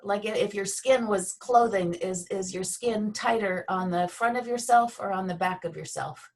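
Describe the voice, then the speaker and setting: A woman teaching a Feldenkrais class over a video call, speaking gently and unhurriedly with pauses and fillers. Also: medium pitch, recorded from a distance. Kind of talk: guided movement lesson over video call.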